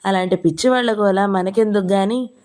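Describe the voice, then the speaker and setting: A woman voicing an older woman writer who teases and scolds in a sharp, playful way. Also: medium pitch, fairly quick, natural voice. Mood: scolding. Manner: teasing, scolding.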